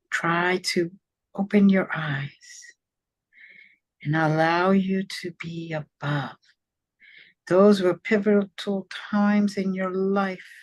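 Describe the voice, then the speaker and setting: A woman leading a guided meditation in a soft, soothing, measured way, with long pauses between phrases. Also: lowish voice.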